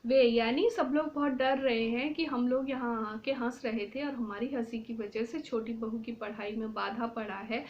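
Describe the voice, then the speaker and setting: A woman's voice: fairly high pitch, fairly even intonation, normal speed, hardly any pauses. A woman teacher explaining a play line by line, with many filler sounds. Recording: dull lo-fi recording.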